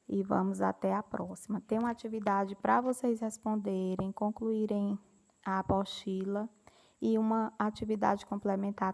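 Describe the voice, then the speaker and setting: Slow, patient woman with a gravelly edge. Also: mid-range voice, a little mellow. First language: Portuguese. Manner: slow, patient explaining with repeated examples. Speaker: English teacher. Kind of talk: classroom grammar lesson.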